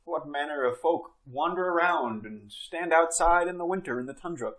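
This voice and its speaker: A man's voice: on the high side, normal speed, a bit bright, close to an everyday voice. A man role-playing a haughty, suspicious wizard who hunts trophies, speaking in a grand, condescending way at a tabletop game. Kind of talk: tabletop role-play acting.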